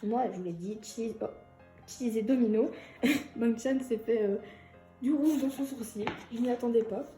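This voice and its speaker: A giggly young woman talks through an album unboxing in a casual, excited vlog voice. Her voice sits on the high side with a mellow, soft tone. The room is echoey and faint music plays behind her. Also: moderate pace.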